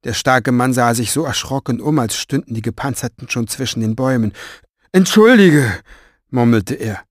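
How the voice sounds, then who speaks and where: With a mid-range voice, this man narrates a fantasy audiobook in a steady, measured storytelling style. The studio sound is clean, with no echo.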